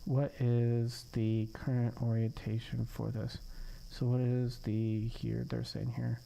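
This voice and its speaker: A man's voice: mid-range voice, level tone, slow, gravelly, dark tone, rough recording. A man hosting a live coding stream, thinking aloud as he works, frustrated and cursing under his breath. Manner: frustrated, swearing, muttering to himself. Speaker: coding livestream host.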